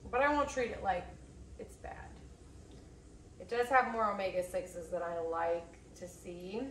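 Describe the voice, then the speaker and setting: A young woman vlogger chats casually while cooking lunch in her home kitchen, tossing in self-mocking asides. Her fairly low voice is rather even in intonation and a little slow. A camera mic a few feet away picks up kitchen echo and faint cooking noise.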